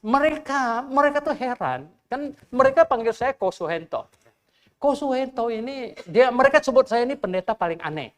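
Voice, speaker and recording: An older male pastor delivering a Sunday sermon in church, chatting with the congregation more than lecturing. His pitch swings widely and expressively, and he keeps tossing out rhetorical questions as he tells his stories. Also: normal speed. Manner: conversational, animated storytelling with rhetorical questions. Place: church during a Sunday service.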